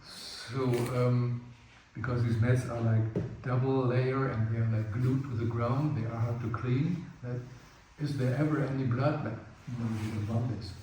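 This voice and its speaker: A man's voice: mid-range voice, fairly even intonation, unhurried, hardly any pauses. A man with German as his first language explains playfight rules to a group in a big indoor room full of mats. He rambles, uses lots of fillers, and acts out little scenes. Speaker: playfight workshop instructor. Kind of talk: casual spoken explanation of rules. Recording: distant, very echoey room with faint noise.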